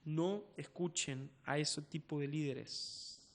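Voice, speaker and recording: A male pastor with an Argentine Spanish accent, preaching a sermon in a church. He is emphatic and swings between quiet asides and raised exhortation. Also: fairly high pitch, slow pace, creaky.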